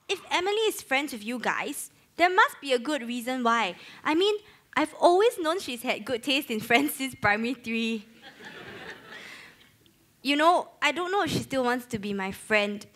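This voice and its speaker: A young woman plays a reformed mean girl who is awkward and overeager. She speaks slowly, and her voice is high and bright.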